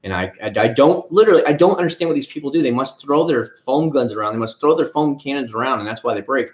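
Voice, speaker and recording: A man from Florida hosts a casual livestream, wandering from topic to topic and retelling what he told people. His voice sits at an ordinary pitch. The sound has a noticeable room echo. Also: expressive, fast talker. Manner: rambling, chatty, retells conversations. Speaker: livestream host. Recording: echoey room.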